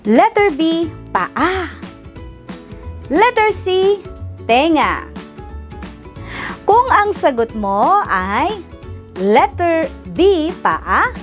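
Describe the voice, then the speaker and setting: Woman, children's teacher, slow, exaggerated, encouraging. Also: extremely high pitch, big pitch swings, faint music behind. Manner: sing-song, exaggerated, encouraging. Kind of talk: children's lesson.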